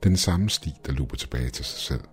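A man's voice: rumbling low, expressive, soft background music. A man voicing an older male double of the narrator, insistent and explaining urgently in a horror story.

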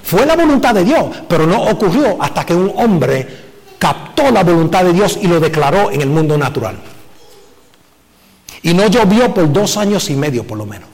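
A male pastor preaches with lively emphasis and rhetorical questions, slipping English words into his Spanish. His voice sits a little high for a man. The sermon rings out in a church hall with a long reverb. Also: normal speed. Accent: Puerto Rican Spanish from the US Northeast. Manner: animated preaching, rhetorical questions, code-switching with "so". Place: church sanctuary.

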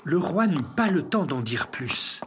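A storyteller reading a children's fairy tale aloud in an expressive, scripted narration. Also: mid-range voice, unhurried, slight background noise. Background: music.

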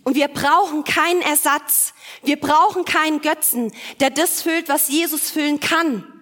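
A woman's voice: high-pitched, steady tone, unhurried, fairly bright tone, long reverb tail. A woman preaching a sermon, emphatic, driving points home with repeated phrases.

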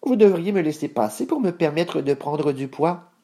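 A man voicing the middle billy goat brother, calm, assured and persuasive. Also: on the high side, moderate pace, voice pushed up.

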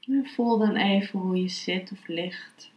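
A woman speaking as a meditation and philosophy teacher, calm, unhurried and instructive. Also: medium pitch, lo-fi sound. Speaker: yoga philosophy and meditation teacher, podcast host. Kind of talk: spoken lesson, then slow guided meditation. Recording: roomy, echoing sound.

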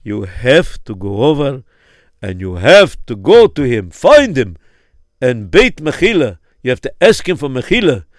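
A man playing a grave, insistent rabbi who slows down to press his points. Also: medium pitch, very animated, no echo, studio quality. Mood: solemn. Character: stern, solemn male rabbi advising a father.

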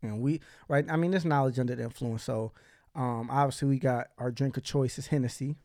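A man's voice: mid-range voice, fairly even intonation, brisk, darkish tone, dry recording, studio quality. A man hosting a podcast in casual chat, blunt, profane and teasing his guest. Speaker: podcast host.

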